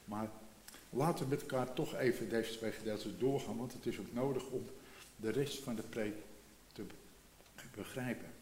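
A man's voice: medium pitch, normal speed, long pauses, darkish tone, reverberant, slight background noise. A man in his seventies preaching a sermon in a reflective way, repeating phrases and rising for emphasis. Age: 70s.

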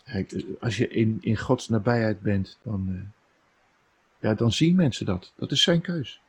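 A man preaching an earnest, emotional sermon, rising to emphatic peaks and then dropping soft. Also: on the low side, lively intonation, measured pace, slightly rough, rough recording.

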